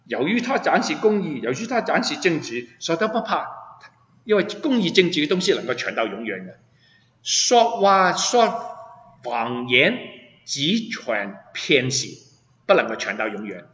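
A man's voice: mid-range voice, a bit bright. A man preaching a sermon as pastor, emphatic and full of rhetorical questions to his listeners. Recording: echoey hall, dull sound.

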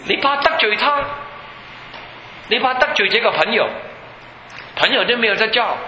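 A man preaches to a congregation, his high, piercingly bright voice ringing through a long, echoey hall. He presses his points hard and keeps firing questions at the listeners. A faint hum sits under the recording. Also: expressive, moderate pace. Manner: emphatic, keeps asking the audience questions. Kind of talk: sermon with Bible teaching.

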